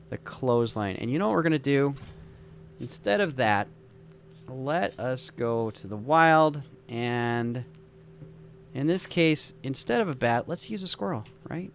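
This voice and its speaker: Gravelly man rambling through game setup. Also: mid-range voice, a bit bright, slight background noise. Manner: enthusiastic, rambling, thinks aloud. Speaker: game master building a scenario. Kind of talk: casual gameplay commentary.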